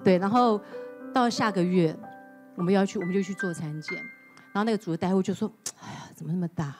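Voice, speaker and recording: A woman in her forties speaks quickly on a TV studio talk show and tells her story with lively, acted-out dialogue. She slips English words in as she goes. Music plays behind her voice. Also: mid-range voice. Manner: animated storyteller who acts out quoted dialogue. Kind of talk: casual chat, personal storytelling. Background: background music.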